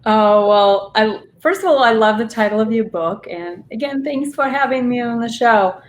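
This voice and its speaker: A woman's voice: on the high side, moderate pace, slight background noise. Chatty lady in her 40s, from russia, telling her story, echoey room sound. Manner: warm, chatty storytelling with laughs. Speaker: restaurant owner guest. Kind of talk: interview conversation. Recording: roomy echo.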